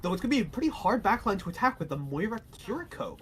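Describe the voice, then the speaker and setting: A man in his twenties doing color commentary for a college esports final, excitable and rambling with fillers. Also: sits high, quick pace, a crowd in the background. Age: 20s.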